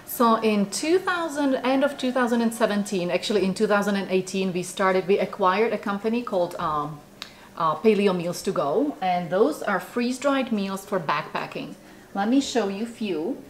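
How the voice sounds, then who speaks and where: A Czech woman in her forties, founder of a food company, chats animatedly in a casual interview held in a small office lined with bookshelves. She speaks with a Czech accent and many fillers in a mid-range voice at a moderate pace, with slight background noise.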